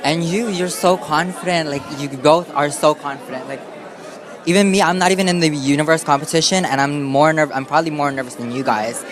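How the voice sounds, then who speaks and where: A man's voice: fairly high pitch, a little fast. A man hosting red carpet interviews in a gushing, effusive way. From Filipino. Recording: busy crowd noise behind.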